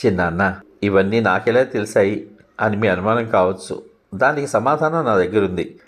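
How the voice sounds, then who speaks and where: A man's voice: fairly low pitch, normal speed, natural voice. A man voicing a teenage girl who pleads in a trembling, tearful voice, in a read-aloud novel. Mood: tearful pleading. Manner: trembling, sobbing pleas.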